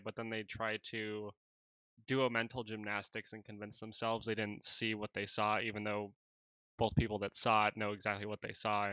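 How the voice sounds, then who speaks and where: Flat-voiced man hosting a podcast. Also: on the low side, clean tone, dry recording. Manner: measured, even explaining. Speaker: podcast host. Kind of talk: casual interview talk. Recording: slightly dull podcast audio.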